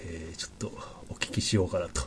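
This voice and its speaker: A man hosting a podcast, talking in a relaxed, chatty way with plenty of fillers. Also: low voice, fast talker, background noise. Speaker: podcast host. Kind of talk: casual chat.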